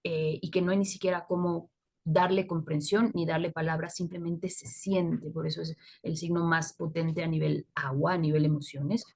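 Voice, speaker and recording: A woman's voice: low-pitched, little pitch movement, normal speed, gravelly, darkish tone, breathy edge. Spanish-speaking woman teaching astrology. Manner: explanatory, repeats "¿sí?" and "¿no?" to check with listeners; laughs at her own points. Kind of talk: live astrology talk.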